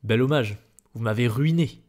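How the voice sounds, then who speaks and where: A man playing an outraged painter who protests and pleads, in a soft-spoken ASMR reading. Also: mid-range voice, normal speed, lightly acted. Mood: indignant. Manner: exasperated, protesting. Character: indignant middle-aged male painter, outraged and desperate.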